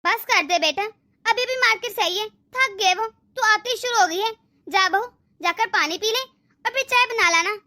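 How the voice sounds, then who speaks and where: A woman voicing a sickly, kind older mother-in-law in an animated family drama, speaking in a soothing, pleading way. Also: very high-pitched, normal speed. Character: sickly, kindly older mother-in-law, always defending her daughter-in-law.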